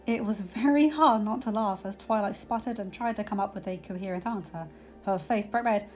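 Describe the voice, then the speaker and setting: A woman reading a fan fiction story aloud as an audiobook narrator, in an expressive storytelling manner. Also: mid-range voice, a little fast. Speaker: audiobook reader. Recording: slightly dull lo-fi recording, faint music.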